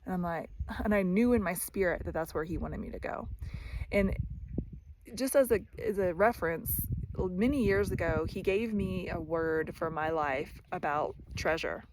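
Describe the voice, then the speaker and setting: A woman's voice: on the low side, moderate pace, a little mellow. Chatty woman vlogging on a hiking trail. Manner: chatty storytelling, many fillers like "like" and "you know". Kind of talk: casual faith vlog told while hiking. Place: outdoors on a mountain biking trail. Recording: noisy outdoor recording with clicks.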